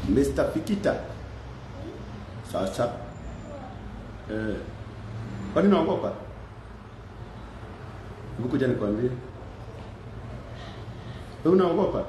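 A man's voice: medium pitch, very animated, slow pace, pauses often. A man, vlogging at a dental clinic, coaxing and encouraging in Swahili-English chat. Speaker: vlogger and father. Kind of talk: casual vlog chat. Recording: echoey room with background noise.

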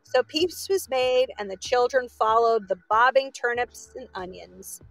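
A woman reading a children's story aloud in a gentle, expressive way. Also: a little high, measured pace, no echo, faint music behind, low-quality recording.

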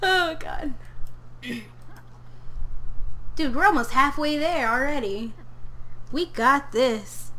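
A young Tennessee woman chats casually and giggles while streaming a game from a room at home, addressing both her character and her chat. Her voice is high-pitched, pushed and bright, and she speaks very slowly with frequent pauses.

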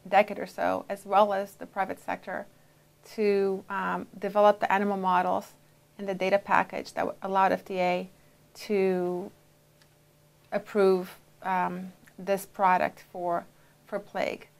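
A woman in her forties, originally from Brazil, answering interview questions in a measured way with frequent pauses and fillers, on a lapel mic in a dark studio. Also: mid-range voice, little pitch movement, gravelly. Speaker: interviewee, FDA official.

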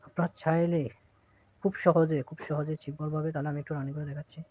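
A man's voice: fairly high pitch, level tone, fast. A man walking viewers through an app step by step in a casual tutorial, with many hesitant fillers. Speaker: tutorial presenter. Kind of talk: casual screen-recorded tutorial. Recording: tinny phone-like sound.

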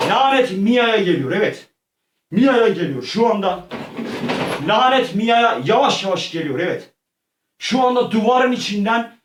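A man with a high voice narrates a made-up scene play by play, saying each phrase again and again and breaking into frantic shouts. He sits well back from the mic, and the room around him rings. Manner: repeats phrases over and over, frantic when shouting. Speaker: storyteller playing out a scene. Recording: echoey room, voice far from mic.

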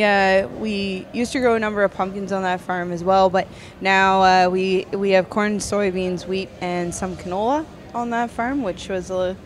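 A woman's voice: medium pitch, slight background noise. A young Canadian woman from Eastern Ontario, a farmer guest chatting casually with lots of fillers and easy laughter. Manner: chatty, many fillers and restarts, laughs easily. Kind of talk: casual interview chat.

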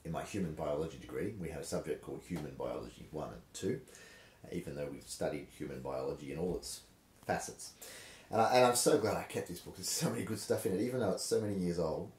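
A man's voice: very deep voice, quick pace, a little mellow, slight background noise. An Australian man in his forties who moves between casual chat and a playful, rhythmic dramatic reading aloud. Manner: sing-song rhythmic emphasis when reading. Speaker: presenter reading aloud from a textbook. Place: small home study, indoors. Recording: roomy indoor camera sound.

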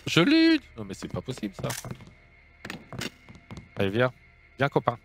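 A man's voice: medium pitch, normal speed, soft background music. A man hosting a let's play, commenting casually on his gameplay with jokes and reading the game's lines aloud. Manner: joking, reads game dialogue aloud in French.

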